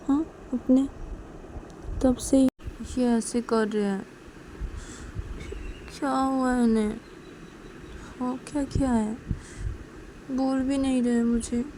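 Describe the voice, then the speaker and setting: An anxious young woman in tears pleads again and again to know what she did wrong, as a woman narrator puts her on. The voice sits a little high with a mellow warmth. This is storytelling in a spoken love story. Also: a little hiss or hum. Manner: pleading, repeating questions. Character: anxious tearful young woman lover, Uma.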